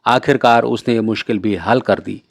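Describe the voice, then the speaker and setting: A man narrating a classic short story in a measured, clear reading voice. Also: fairly low pitch, fairly even intonation, no room sound, studio quality.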